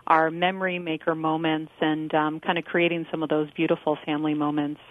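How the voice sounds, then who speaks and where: A woman from Chicago, a guest expert on a radio show, giving advice in a calm, measured way with soft fillers. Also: deep voice, no room sound. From Chicago, USA. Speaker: guest expert, medical school faculty. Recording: tinny phone line, dry.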